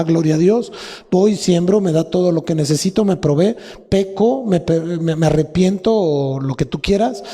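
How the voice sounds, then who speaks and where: A man with a Mexican Spanish accent preaching a sermon as pastor, teaching slowly and spelling out word roots with repetition. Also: on the high side, dark tone, husky. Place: church hall. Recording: long reverb of a church hall.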